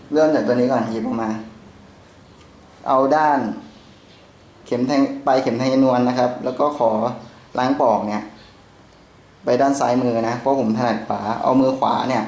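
Guy doing a hands-on gun cleaning demo, laid back, lots of umms, echoey room, bit of background hiss. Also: mid-range voice. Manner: relaxed, talks while working with his hands, many fillers. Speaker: gun channel host. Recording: roomy sound with faint background noise.

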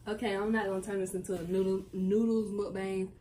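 A woman's voice: mid-range voice, level tone, rapid-fire, darkish tone, a little hiss or hum. A young woman in her late teens, chatting casually to her viewers at home in a slangy, direct way. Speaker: vlogger. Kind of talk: casual vlog chat.

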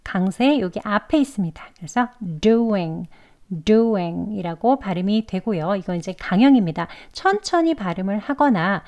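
A woman teaching English pronunciation, explaining patiently step by step and drawing out model words slowly. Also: medium pitch, expressive, a little mellow. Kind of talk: pronunciation lesson.

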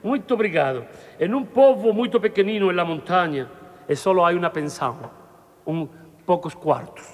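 Male comic, high voice, live joke telling, reverberant hall. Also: lively intonation, normal speed. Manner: mixes Portuguese into Spanish, laughs at own jokes. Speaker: stand-up comedian telling jokes. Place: live show before an audience.

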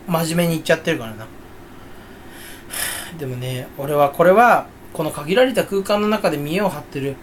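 A man's voice: on the high side, slight background noise. A man talking to himself in a casual, rambling solo monologue, joking and mocking himself. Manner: self-mocking, jokey, rambling. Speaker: channel host.

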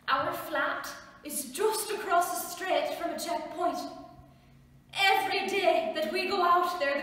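Woman acting a solemn, high-voiced teenage girl, echoey hall. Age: young adult. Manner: solemn, earnest, deliberate. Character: fierce, solemn, defiant fifteen-year-old Northern Irish girl volunteer. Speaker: actor. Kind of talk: dramatic stage monologue. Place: large indoor hall with wooden floor and curtain. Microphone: distant camera microphone. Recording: very echoey hall, far from mic.

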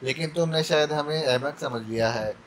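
A man's voice: a little high, moderate pace, a little hiss or hum, close to an everyday voice. A man voicing a cold male interrogator who threatens a captive in an icy tone. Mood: icy menace.

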